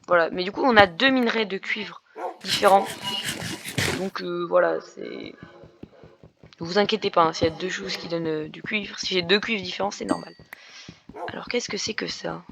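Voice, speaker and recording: Chatty woman with a creaky voice. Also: lowish voice, normal speed, pauses often, a crowd in the background. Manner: chatty, explaining as she plays, many fillers and restarts. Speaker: gaming YouTuber. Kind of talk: Minecraft let's play commentary.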